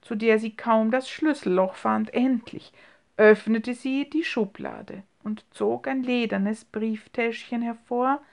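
A woman narrating a story in a measured reading voice, hushed at times. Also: on the high side, vocal fry. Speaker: audiobook narrator. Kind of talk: scripted narration.

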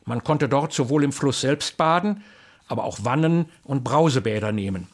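A man's voice: medium pitch, animated, normal speed. A man with a recites rhyming poems and gives short spoken introductions between them. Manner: rhythmic, rhyming delivery in dialect. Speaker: reciter of dialect poetry.

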